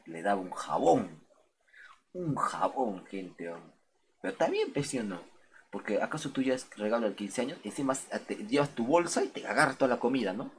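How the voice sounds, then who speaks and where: A young man with a very deep, low voice, spinning loose, profane stories for his viewers in the middle of a late-night game stream. He rambles from one tangent to the next in heavy street slang, speaking straight to his chat. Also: slight background noise.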